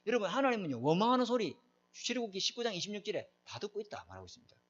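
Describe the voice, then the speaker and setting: Emphatic man preaching, lively pitch. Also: very fast. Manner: emphatic, asks the congregation questions. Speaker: pastor. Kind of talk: sermon. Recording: dull lo-fi recording.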